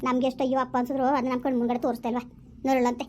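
A woman's voice: high voice, monotone, rapid-fire, dark tone, a little hiss or hum, close to an everyday voice. A woman playing a bitter young woman raising her younger sister, complaining in a resentful rush, in a village family skit.

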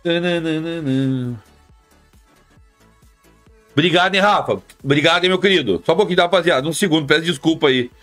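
A man's voice: on the high side, animated, very fast, few pauses, a bit bright, soft background music. A man live streaming, chatting casually and repetitively with his viewers in slang. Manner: slangy, repetitive, talks straight to chat.

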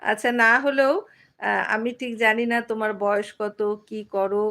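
A middle-aged woman from West Bengal hosting a casual live stream. She chats with viewers, uses many fillers and pauses often to read out their comments. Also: on the high side, fairly even intonation, a bit bright.

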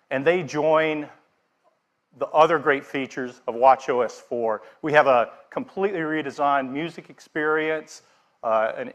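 Man, middle-aged, keynote presenter, steady scripted delivery, large theater stage, headset mic. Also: on the high side. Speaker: product presenter.

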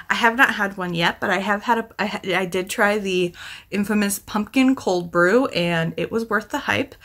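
Recorded in a small room at home, this woman in her thirties speaks in a bright, mid-pitched voice while giving a casual book review for her vlog. She chats to camera in a rambling way, thinking out loud and fixing her own words as she goes.

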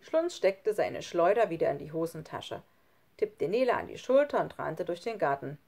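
Eine Frau, die ein Kinderhörbuch ausdrucksvoll vorliest. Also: female voice, on the low side, moderate pace, vocal fry. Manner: expressive storytelling. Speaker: audiobook reader. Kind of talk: children's audiobook narration.

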